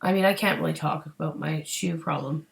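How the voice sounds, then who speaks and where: Woman teasing her partner over whisky, low-ish voice with lots of fry. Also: steady tone, fairly quick, slight background noise. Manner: teasing, playful. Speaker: co-host tasting partner. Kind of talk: casual tasting chat.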